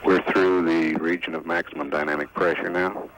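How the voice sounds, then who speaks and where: A man's voice: low-pitched, flat delivery, normal speed, a bit bright. A man giving factual, formal technical flight commentary from mission control, reading out figures. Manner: factual, formal number readouts. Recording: noisy archival radio broadcast.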